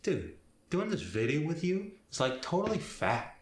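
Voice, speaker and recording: A man's voice: fairly high pitch, very animated, normal speed, voice pushed up. A man playing a young, chill, dim nineties slacker with a Valley guy accent, drawling in valley-girl style with rising sentence ends and lots of "like" and "dude", as a comic demonstration. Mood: slangy, breezy. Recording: roomy echo.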